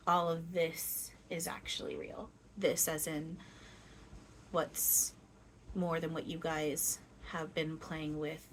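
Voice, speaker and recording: Slow-speaking woman as a trance-channeled spirit guide. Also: deep voice. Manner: halting phrases with long pauses, addressing listeners as a group. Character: channeled spirit guide, gentle, playful, loving teacher. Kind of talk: seance medium channeling, slow halting spiritual teaching. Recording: clear steady background noise.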